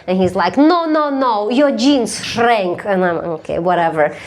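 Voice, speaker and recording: Eine Komikerin, die auf einer Live-Bühne stumpf und neckend mit dem Publikum spricht und oft lacht. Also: female voice, medium pitch, expressive, measured pace. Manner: blunt, teasing, laughs often. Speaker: stand-up comedian. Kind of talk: stand-up crowd work. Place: live comedy stage.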